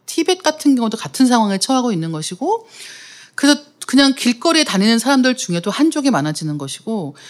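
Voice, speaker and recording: A woman co-hosting a book talk show, explaining a book's points in a clear, engaged way. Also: on the high side, big pitch swings, fast talker. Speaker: podcast co-host. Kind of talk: casual talk-show chat.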